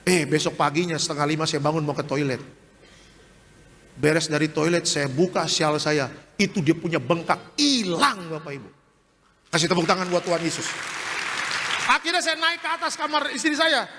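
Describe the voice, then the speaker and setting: A man, a pastor, telling a personal testimony in a sermon, animated and joking with the congregation. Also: high voice. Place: church hall. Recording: live stream in a reverberant church hall.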